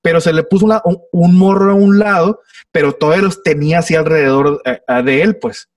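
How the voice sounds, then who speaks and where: A young man with a Mexican Spanish accent tells a story with plenty of slang and swearing. His voice sits a little high. He comes through a dry, distant mic on a shaky video call. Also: a little fast, dry recording. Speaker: podcast guest. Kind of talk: casual storytelling chat.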